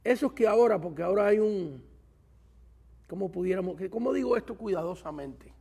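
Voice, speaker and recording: Male pastor, high and gravelly, lecturing a Bible class; stops mid-thought to find words, throws questions at the room. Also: animated, warm tone. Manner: pauses to search for words; asks the class rhetorical questions.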